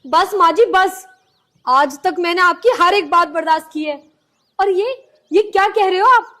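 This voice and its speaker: An actress playing a patient young daughter-in-law who pleads earnestly. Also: female voice, high-pitched, moderate pace, natural voice. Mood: pleading. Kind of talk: rural comedy drama acting.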